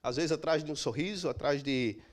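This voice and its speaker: A middle-aged man preaching a sermon as pastor, emphatic, with dramatic pauses and swings from loud to soft. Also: fairly high pitch. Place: church.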